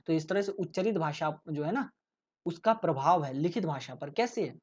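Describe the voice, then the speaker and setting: The muffled recording captures a tutor in a casual exam-prep lecture, animated and at a moderate pace. His voice is a little high, slightly mellow and a bit rough, and he explains through rhetorical questions, frequently tacking on "ठीक है".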